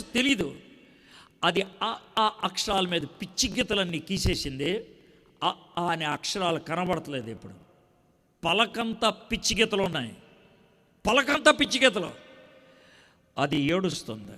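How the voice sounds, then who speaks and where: A middle-aged man preaching a sermon, moving from loud outbursts to hushed, pleading passages. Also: high-pitched. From India. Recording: long hall reverb.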